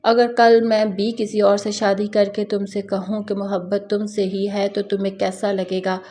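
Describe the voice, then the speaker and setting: Young woman figure, defiant, bitter, hurt, level flat voice, story read aloud by a woman. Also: medium pitch, close to an everyday voice. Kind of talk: scripted narration.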